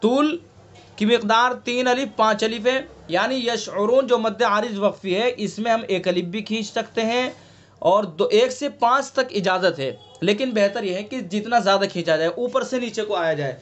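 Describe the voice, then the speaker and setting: Speaking with a Delhi Urdu accent on an online class call, a man patiently teaches Quran recitation, checking students with questions and prolonging sounds to illustrate. His voice is high, fairly bright, and moderately paced.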